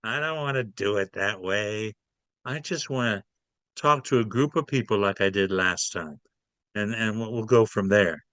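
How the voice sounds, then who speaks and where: A man voicing Jesus come back to earth, gentle and modest and a little hesitant. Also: fairly low pitch, moderate pace, no echo. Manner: soft-spoken, modest, hesitant.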